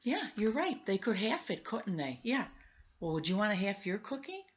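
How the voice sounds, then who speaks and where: A woman's mid-range voice swings widely in pitch as she reads a storybook to kids at a moderate pace, asking them questions and breaking off for chatty exclamations. The audio comes through dull.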